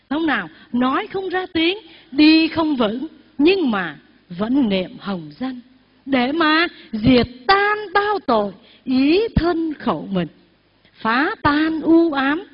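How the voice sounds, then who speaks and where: In an echoey hall with faint music and dull lo-fi sound, an older Buddhist nun speaks in a high, husky voice. She delivers a Dharma talk and leads the congregation through call-and-response recitation.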